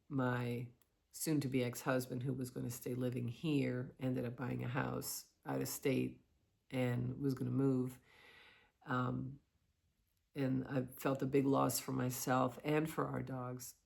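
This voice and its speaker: Slow-talking middle-aged woman sharing personally. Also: a bass voice, creaky, a little mellow. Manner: halting, reflective, pausing often between short phrases. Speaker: vlogger sharing personal experiences. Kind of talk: confessional personal monologue.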